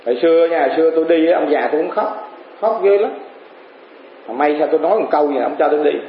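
A man's voice: fairly high pitch, quick pace, slight background noise. A man giving a Dharma talk to an assembly as a monk teacher, telling folksy stories and acting out the people in them. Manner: folksy storytelling, acts out quoted voices, chuckles. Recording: muffled echoey room with faint ambience.

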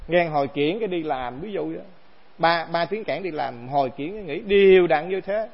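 A man's voice: a little high, lively intonation, normal speed, gravelly. A man, a monk giving a Buddhist dharma talk to the assembly, casual and conversational, often asking rhetorical questions. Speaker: monk teacher. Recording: dull lo-fi recording.

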